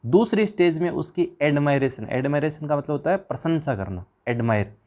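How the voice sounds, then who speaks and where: Animated and somewhat high-voiced, with a darkish tone, this man leads an exam revision class at a normal pace. He keeps asking the students questions and then answering them himself, all in a loose, conversational style.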